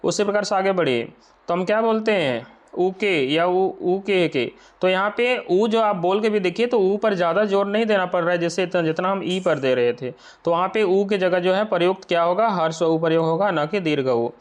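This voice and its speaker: A man teaching an exam-prep lesson, explaining step by step and often asking whether the point is clear. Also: sits high. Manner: explains slowly, checks understanding with rhetorical questions.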